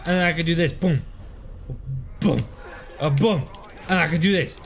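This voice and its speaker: A young man playing a video game while drunk, swearing, yelling at enemies and chatting with a friend. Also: on the high side, moderate pace, soft background music. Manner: loud, profane outbursts at the game. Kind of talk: casual gaming banter.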